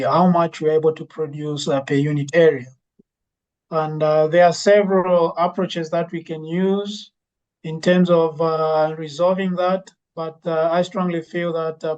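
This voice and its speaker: A woman lecturer gives a presentation in an even, level voice that rarely rises or falls. She hesitates often, filling pauses and restarting sentences. The recording sounds dull and lo-fi. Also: deep voice. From Zambia. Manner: hesitant, many fillers and restarts. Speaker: university lecturer and legume breeder giving a talk. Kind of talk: conference presentation.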